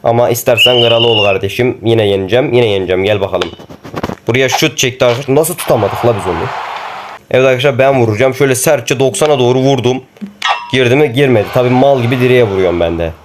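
A young man commenting on a mobile football game he plays, excitable and teasing his opponents as he talks to viewers. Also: medium pitch, fast, background noise. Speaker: gaming YouTuber.

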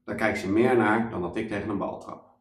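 A man, a children's author, reading a children's story aloud as a lively storyteller. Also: on the low side, fairly quick. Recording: echoey room, mic at a distance.

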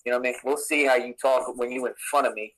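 A man ranting in a tense, sharp voice, swearing and making threats. He talks with swagger and aggression, his pitch sitting in an ordinary middle range. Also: steady tone, quick pace, poor audio. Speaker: YouTuber in played clips.

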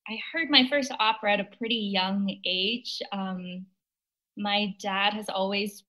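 A young woman from China speaks in a bright, clear-edged voice over a video call. She answers interview questions thoughtfully, with plenty of "um"s along the way. Her pitch sits in a middle range for a woman. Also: fairly even intonation, a little slow, poor audio. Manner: thoughtful, with frequent fillers and light laughs. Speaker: opera singer, guest.

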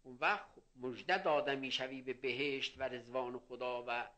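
A man's voice: mid-range voice, fairly even intonation, pushed and bright. An older male cleric giving a sermon, reading Arabic phrases and explaining them in plain words, with anecdotes. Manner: explains Arabic quotes in Persian, tells anecdotes. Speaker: cleric preacher. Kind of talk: religious sermon.

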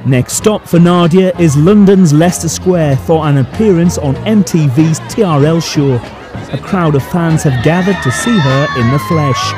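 A man's voice: a little high, animated, normal speed, music in the background, crowd noise. A man delivering scripted narration for a television programme.

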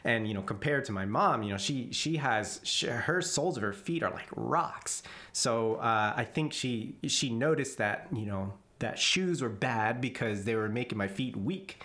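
A man's voice: mid-range voice, expressive, normal speed, hardly any pauses, bright, forceful tone. A man narrating a voice-over about his jungle memories, chuckling often and restarting his sentences. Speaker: vlogger telling jungle memories. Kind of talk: casual storytelling voice-over. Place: voice-over, not recorded in the jungle.

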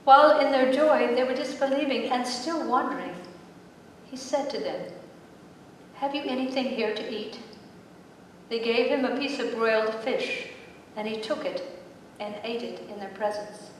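Woman, scripture reader, measured reading, slightly high voice, long church reverb. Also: slight background noise. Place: large church sanctuary. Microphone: distant room mic. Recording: echoey sanctuary from far off.

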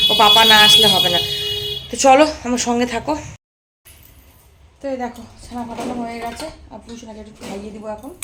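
Heavy background noise runs under this homemade vlog, where a housewife with a voice on the high side talks casually to viewers as she cleans. She speaks to her audience directly and keeps the chat going from the kitchen to the bathroom.

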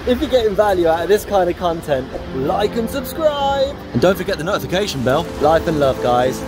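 Animated, high-pitched man vlogging outdoors. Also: fast, music in the background. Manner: encouraging, emphatic. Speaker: running vlogger and host. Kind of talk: motivational vlog talk to camera. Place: outdoors in grassy park. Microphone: handheld camera at arm's length. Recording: outdoor ambience and noise.

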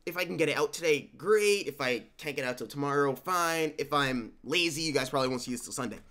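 A young adult man with a sick-sounding voice records casual, rambling voice-over commentary from home for his gaming YouTube channel, restarting as he talks conversationally. His voice is on the high side, a bit bright, and quick.

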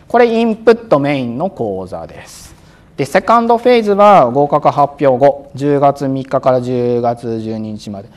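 A male exam prep instructor giving a lecture, speaking crisply and a bit loudly on purpose, with frequent fillers, sometimes acting out examiners. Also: medium pitch. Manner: acts out examiners and exam-day self-talk.

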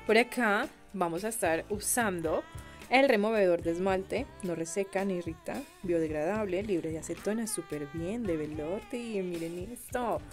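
A young Colombian woman with a Colombian accent, chatting warmly with viewers as a beauty vlogger, gushing and exclaiming over products she unboxes. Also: mid-range voice, normal speed, faint music behind. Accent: Colombian Spanish.

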